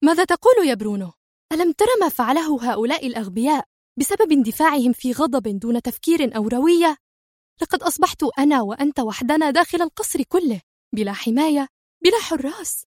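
Narrator putting on a high fast-talking mafia queen, bossy and furious, dry audiobook. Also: animated, a little mellow, no room sound. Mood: indignant. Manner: shrill, rapid outbursts. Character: furious female mafia boss, sharp-tongued.

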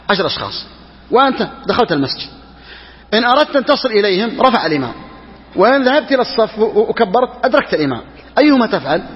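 A man teaching religious law as a sheikh, who talks quickly and repeats key phrases for emphasis. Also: high voice, in a large hall, dull audio. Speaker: sheikh teaching Hanbali jurisprudence. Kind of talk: religious lesson explaining a text.

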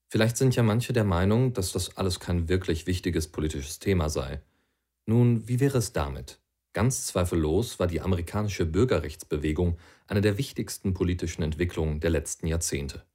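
A man with a very low, deep voice reads an essay-like passage aloud. His delivery is earnest and argumentative, pressing his points with a persuasive lift. He reads at an even, steady pace. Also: normal speed. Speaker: audiobook reader.

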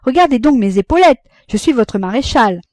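A woman's voice: fairly high pitch, animated, normal speed, a little mellow, dry recording, clean studio sound, voice pushed up, close to an everyday voice. A woman reading a novel aloud, voicing a playful young woman who gives orders to her guests. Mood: commanding. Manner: commanding, teasing.

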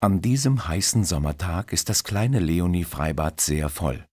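A man reading a story aloud as narrator, in a clear, expressive way. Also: deep voice, measured pace, no room sound, clean studio sound. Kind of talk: scripted audiobook narration.

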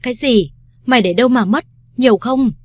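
A woman's voice: on the high side, a little fast, pitched above the performer's own voice, lightly acted. Woman doing a brash foul-mouthed older friend. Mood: angry. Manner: loud, bossy, swears freely.

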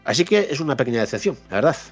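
A man's voice: medium pitch, very animated, racing, soft background music. A man hosting a podcast, giving a casual spoken review of a game and repeating points for emphasis. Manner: repeats himself for emphasis, frequent fillers and tag questions.

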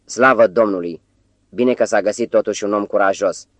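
A man's voice: fairly low pitch, fairly bright tone, no room sound. Distraught sobbing secretary lady, man reading her, dry close mic. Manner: sobbing, pleading. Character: tearful frantic young female secretary.

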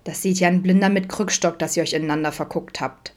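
A woman's voice: lowish voice, fairly even intonation, quick pace, natural voice. A woman voicing Alex, a wry young woman who teases her friends with mock sternness. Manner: sly, teasing, mock stern. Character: wry young woman, teasing camp counselor.

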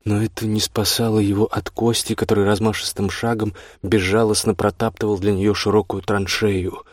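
A man's voice: on the low side, level tone, moderate pace, no room sound. Man reading an audiobook, dry close sound. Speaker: audiobook narrator. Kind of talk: audiobook narration.

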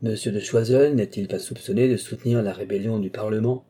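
A man reading aloud as a calm, assured male sorcerer count in a novel's audiobook, speaking with persuasive confidence. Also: on the low side, fairly quick, breathy edge.

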